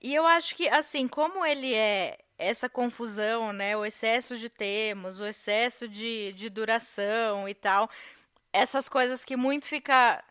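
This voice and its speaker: A woman's voice: fairly high pitch, measured pace, a bit bright, clean tone. A Brazilian woman, a podcast guest, casually discussing a film with hesitant fillers and restarts. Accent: Brazilian Portuguese.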